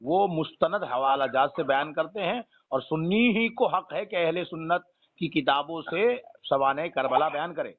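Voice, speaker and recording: Heard through a thin, tinny phone line, this caller keeps asking questions and urging his point, arguing insistently while staying respectful. His voice is a little high with lively intonation and a moderate pace.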